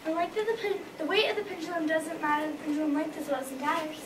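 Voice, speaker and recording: A woman's voice: very high-pitched, steady tone, fast. A woman playing a female time fairy on stage, speaking her hints in sing-song rhyming verse. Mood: helpful. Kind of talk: stage play acting. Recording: echoey hall from far off, crowd noise.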